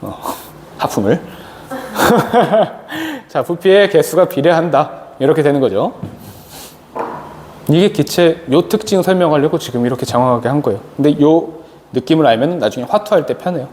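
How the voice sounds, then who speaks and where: A man's voice: fairly high pitch, expressive, brisk, darkish tone. A man teaching a chemistry lecture, asking questions and answering them himself. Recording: long reverb, faint noise.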